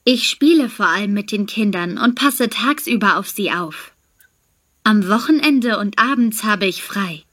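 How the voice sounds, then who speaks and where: A cheerful young au pair talks about her work and plans in a clear, careful and friendly way, as voiced by a woman. She speaks at a natural pitch and pace. The recording is a scripted language-exam dialogue. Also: lively intonation, unhurried, a bit bright. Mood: pleasant. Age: young adult.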